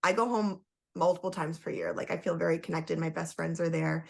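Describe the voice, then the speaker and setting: A woman's voice: low voice, fairly even intonation, fairly quick, gravelly. A woman, a guest coach telling her story on a podcast in a candid, emphatic way. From Toronto, Canada; born in Trinidad and Tobago. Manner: candid, emphatic, with frequent "like" fillers. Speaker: guest, human design coach.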